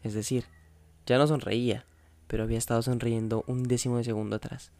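A man narrating a first-person novel in a measured, intense way. His voice is warm and mellow. The recording is close and dry, with no room sound. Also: mid-range voice, flat delivery, no echo. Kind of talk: audiobook reading of a novel.

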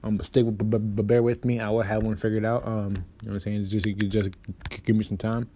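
A man hosting a casual basketball podcast, rambling with lots of fillers and restarts, and quick in delivery. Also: lowish voice, flat delivery, noisy background. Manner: talks fast, says so himself. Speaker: podcast host. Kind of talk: casual sports podcast talk.

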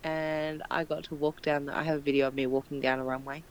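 A woman chatting casually with her partner, telling a lively holiday story and laughing often. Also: sits low, quick pace, rough recording. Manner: loud, self-described as not quiet. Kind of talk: casual chat.

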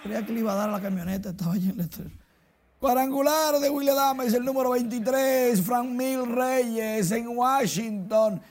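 A man presenting the sports news in a lively, excited manner. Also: very high voice, moderate pace, slight background noise. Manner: lively, excited play-by-play delivery.

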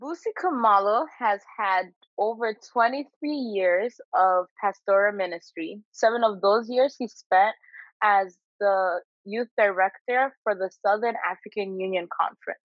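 A woman's voice: mid-range voice, unhurried, no echo. A woman co-hosting a podcast in a casual, playful, slangy way, sometimes reading aloud. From Zambia. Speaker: podcast co-host. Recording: dull, lo-fi audio.

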